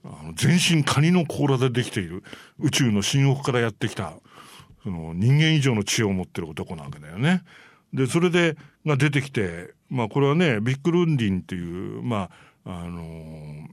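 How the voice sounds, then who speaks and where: With a lowish voice at normal speed, a male host recounts film history casually, using plenty of fillers and briefly acting out the people he quotes in an animated way. There is no room sound.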